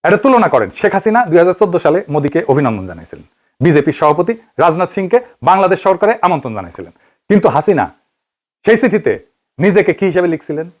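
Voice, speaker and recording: Fast and very animated, a slightly high-voiced man from Bangladesh offers an investigative political monologue in a Bangladeshi Bengali accent. He keeps throwing out rhetorical questions and supplying his own answers.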